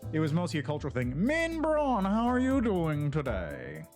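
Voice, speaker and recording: A man's voice: fairly high pitch, huge pitch swings, moderate pace, a little mellow. A man streaming a game, chatting loosely through a headset mic as he plays, with lots of "like" and restarts. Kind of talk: casual livestream chat over gameplay. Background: game music.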